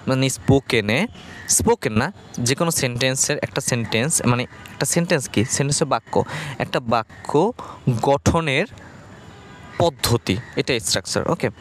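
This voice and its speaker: A man teaching spoken English, explaining slowly and checking in with "okay?" often. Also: mid-range voice, slight background noise. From Bangladesh. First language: Bengali. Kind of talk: casual classroom explanation.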